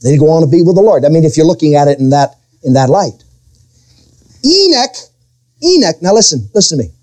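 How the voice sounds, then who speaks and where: Middle-aged preacher man, kinda high voice, swings up and down a lot, leans hard on words. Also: big pitch swings, brisk, a little mellow. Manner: preaching with sudden pitch swings and quoted voices. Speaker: pastor. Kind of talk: sermon.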